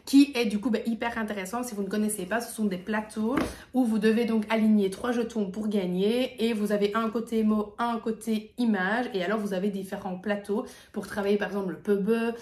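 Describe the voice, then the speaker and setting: Woman, speech therapist, casual chatty delivery with fillers; mid pitch, roomy echo. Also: fairly even intonation, brisk, a little mellow. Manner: chatty, many fillers, laughs easily. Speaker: speech therapist presenting her materials. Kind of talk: casual video presentation. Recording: echoey room.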